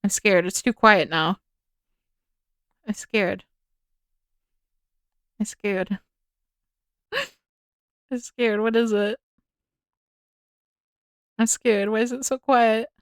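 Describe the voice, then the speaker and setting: A woman's voice: medium pitch, extremely slow, long pauses, dry recording. A woman streaming a game live, reading its text aloud and reacting nervously. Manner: reads game text aloud, jumpy and scared. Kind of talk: live gameplay commentary.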